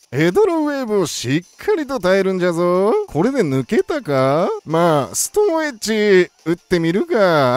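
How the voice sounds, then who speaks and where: Excitable streamer doing battle play by play, bouncy pitch, dry close mic, jokey old-man way of talking. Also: no echo. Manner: excitable, talks through each move aloud; playful old-man speech style. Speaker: game streamer. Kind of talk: competitive battle play-by-play commentary.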